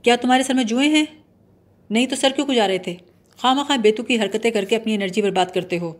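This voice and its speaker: A woman's voice: fairly high pitch, natural voice. A woman reading the part of a bumbling, mock-serious young man who blusters and lectures pompously. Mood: lecturing.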